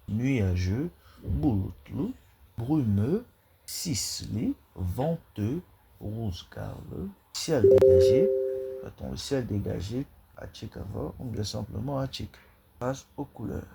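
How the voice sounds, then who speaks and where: A man with a low, gravelly, somewhat husky voice teaches a vocabulary lesson. He goes slowly, saying each word and repeating it. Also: dark tone. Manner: lists words slowly one by one, repeating each. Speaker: language teacher.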